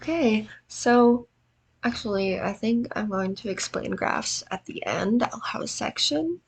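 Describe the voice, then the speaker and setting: A woman's voice: mid-range voice, animated, a little slow, vocal fry, breathy edge, low-quality recording. A tired, exhausted-sounding woman with allergy congestion narrates a tutorial in a casual, self-deprecating way. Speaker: video editing tutorial presenter.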